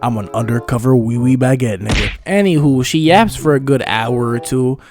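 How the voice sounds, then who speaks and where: Young man from Montreal for a comedic animated story-time narrator. Slangy and irreverent, mid-pitched. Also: moderate pace, over music. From Montreal, Canada. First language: English. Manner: casual, crude slang, joking asides.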